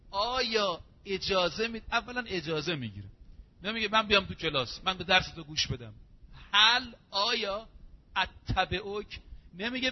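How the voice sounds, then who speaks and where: High-voiced preacher, dull recording. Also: male voice. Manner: recites Arabic verses slowly, then explains in everyday speech. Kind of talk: sermon. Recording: dull lo-fi recording with faint hum.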